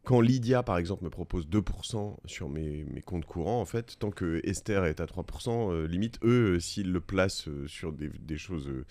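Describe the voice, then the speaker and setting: A man with a low voice chats in a loose, conversational way, full of fillers and restarts. He hosts a casual interview and thinks aloud as he goes. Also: lively intonation, normal speed, few pauses, mellow. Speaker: podcast host.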